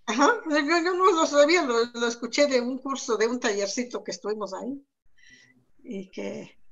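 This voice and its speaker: A Zapotec language teacher from the Sierra Norte of Oaxaca, Mexico, speaks in a high, fairly bright voice, though the recording's highs are cut off. In conversation she explains things and thinks aloud, using fillers and repeating words.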